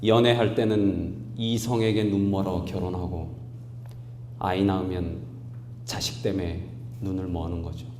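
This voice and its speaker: Low, steady and darkish, the voice of a pastor in his forties moves at a measured pace through a narrative sermon, rising now and then into emphatic bursts. Echo from the large church hall and a slight hum are audible.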